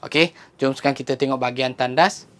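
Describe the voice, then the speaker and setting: A man's voice: mid-range voice, steady tone, fast, fairly bright tone. A man in his thirties with a Malaysian Malay accent, casually walking through a motorhome and explaining its features, slipping English words into his speech. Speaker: motorhome dealer giving a tour. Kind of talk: walkthrough tour vlog. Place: outdoors by a bus, then inside the motorhome. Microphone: lapel mic.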